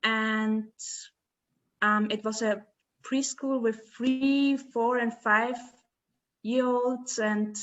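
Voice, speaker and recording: A woman in her twenties from the Dominican Republic, a podcast guest talking in a halting way, searching for words. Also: fairly high pitch, fairly even intonation, lo-fi sound. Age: 20s. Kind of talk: casual interview chat.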